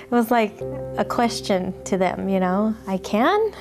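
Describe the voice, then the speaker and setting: A woman in her thirties in an interview, speaking softly and haltingly as she reflects. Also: medium pitch, steady tone, over music. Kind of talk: emotional interview recollection.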